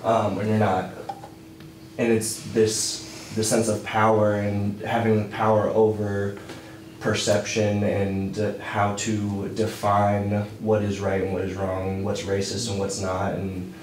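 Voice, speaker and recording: A man thinking aloud in an informal group discussion, halting and leaning on the word "like". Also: on the low side, completely flat delivery. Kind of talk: informal round-table discussion. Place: small indoor meeting room. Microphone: far camera or room mic. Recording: distant, echoey room, faint noise.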